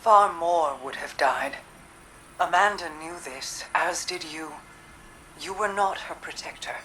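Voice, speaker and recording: Ancient grieving sage lady from a video game, formal and composed, really slow delivery, music behind. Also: fairly low pitch, a bit bright, low-quality recording. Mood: firm, restrained. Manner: measured, solemn, formal phrasing. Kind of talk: dramatic video game acting.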